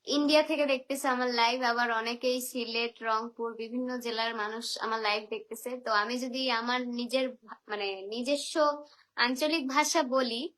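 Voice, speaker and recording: Bright-voiced Bangladeshi woman livestreaming. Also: a little high. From Barisal region of Bangladesh. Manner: chatty, teasing replies to viewers. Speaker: live streamer. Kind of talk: reading viewer comments on a live video call.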